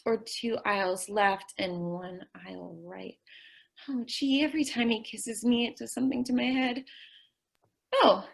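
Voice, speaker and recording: This woman's gravelly, mid-range voice voices a scatterbrained, sweet, naive young character in a vintage radio comedy. She delivers her lines innocently and with hesitation.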